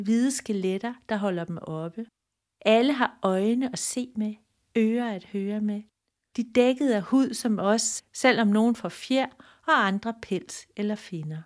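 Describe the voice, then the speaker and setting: A woman voicing a calm, noble male deer king who speaks solemnly and steadily. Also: fairly high pitch, natural voice.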